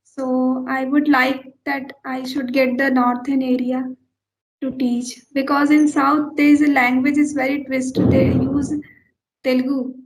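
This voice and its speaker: A young woman from India, a postgraduate student whose first language is Maithili, speaking English slowly and carefully in a casual practice chat. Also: sits high, little pitch movement, slight background noise, rough recording. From Uttar Pradesh, India. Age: young adult. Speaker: postgraduate student and channel host.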